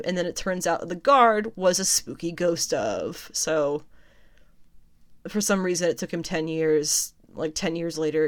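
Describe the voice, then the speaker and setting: A woman's voice: fairly low pitch, a bit bright. A woman casually recapping and reviewing comics. She talks in a chatty, amused way, laughs often and swears freely.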